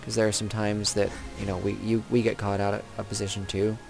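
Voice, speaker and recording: Gravelly young man commentating his game. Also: fairly low pitch, level tone, a little fast, darkish tone. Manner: chatty, rambling, self-correcting. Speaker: gamer commentating his own match. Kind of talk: casual gameplay commentary. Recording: game music and sound effects behind.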